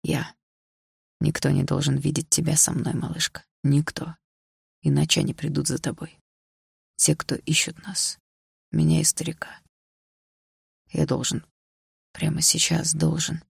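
Woman narrator playing a young man: low, hushed, pleading, gravelly texture. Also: flat delivery, normal speed, no echo, clean studio sound, heavily acted. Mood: grim, urgent. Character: young man, guarded, desperate, tender lover.

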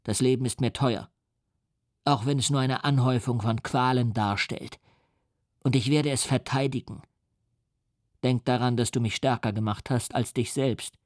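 A man's voice: medium pitch, darkish tone, no echo, studio quality, natural voice. Man reading as a bitter, menacing giant creature. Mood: pleading, grave. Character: huge wretched male creature, bitter, proud, menacing.

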